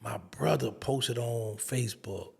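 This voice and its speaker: A man's voice: medium pitch, measured pace, gravelly, slightly rough. A man, an interview guest telling a casual story and acting out the dialogue. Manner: animated storyteller, acts out quoted dialogue.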